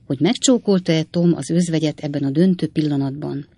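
A narrator reading a story aloud as an audiobook in a slow, storytelling manner. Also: mid-range voice, dark tone, slightly rough, dry recording. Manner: slow, storytelling, addressing listeners.

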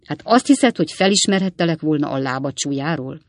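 A woman voicing a brisk, cheeky young male manservant talking to his father. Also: low-pitched, expressive, dry recording. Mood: teasing.

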